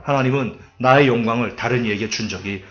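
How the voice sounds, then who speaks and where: A man's voice: mid-range voice, a little fast. A man preaching a sermon, telling stories and acting out quotes to make his points. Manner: lively storytelling with acted-out quotes and asides. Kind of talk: sermon lecture. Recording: dull lo-fi recording.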